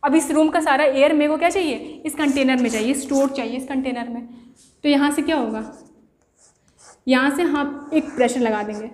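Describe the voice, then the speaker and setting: A woman's voice: high-pitched, normal speed, darkish tone, slight background noise. A woman teacher giving a classroom science lesson, explaining with everyday examples and asking rhetorical questions. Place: room. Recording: echoey room with long reverb.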